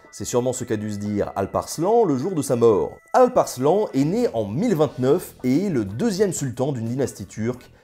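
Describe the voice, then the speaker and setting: Guy doing a jokey history video, sarcastic asides, warm low-key tone, soft music behind. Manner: ironic, jokey, colloquial storytelling. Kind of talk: scripted casual narration.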